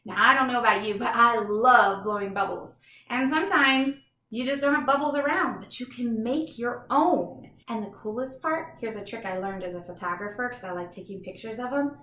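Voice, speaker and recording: Reading to kids at a moderate pace with hardly any pauses, this teacher has a bright, higher-pitched and enthusiastic voice. She addresses young children directly and instructively, breaking into chatty explanatory asides. The room sounds echoey.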